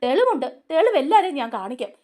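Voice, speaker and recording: A woman's voice: high voice, sing-song, fast talker, a little mellow. A woman voicing an angry young man from a serial who is accusing a woman in heated tones.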